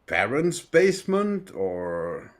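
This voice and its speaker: Curious man with a lively voice. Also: fairly low pitch, takes it slowly. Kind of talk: improv comedy podcast chat.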